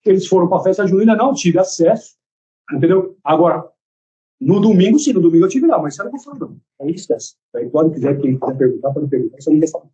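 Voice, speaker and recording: A man's voice: on the high side, expressive, quick pace, mellow, lo-fi sound. A man testifying in a courtroom, telling his story in a rambling way and acting out the dialogue he quotes. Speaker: testifying in a jury trial.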